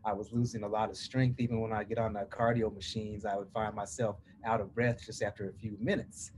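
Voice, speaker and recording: This man, middle-aged and from Portland, Oregon, on the US West Coast, speaks with a Southern drawl as an interview guest on a podcast, sharing his own story. He talks a little fast in a lowish, darkish voice with a level tone, and there's a little hiss or hum.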